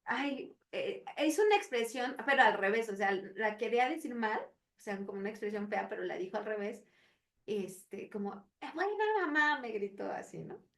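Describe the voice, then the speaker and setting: A woman with a Mexican Spanish accent, co-hosting a parenting podcast as a psychologist, telling stories in an animated way with acted quotes. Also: medium pitch, moderate pace, recorded from a distance. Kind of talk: casual podcast chat.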